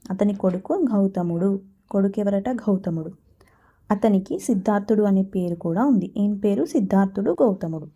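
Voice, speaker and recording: Her voice is mid-range and mellow as she goes through a school textbook lesson. The Telangana teacher keeps asking her own questions and supplying the answers.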